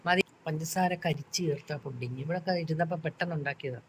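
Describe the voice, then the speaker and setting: A middle-aged woman with a hoarse, sore throat, chatting casually in a home vlog and calling out to her daughter. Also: low voice, quick pace, slight background noise. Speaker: home vlogger. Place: home, indoors.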